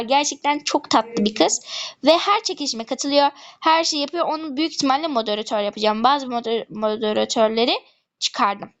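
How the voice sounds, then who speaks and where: A high-voiced woman chats casually over her gameplay. She talks to her viewers in a chatty, gossipy way and keeps drifting into complaining asides. Her voice sits well above the usual range. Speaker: gaming YouTuber.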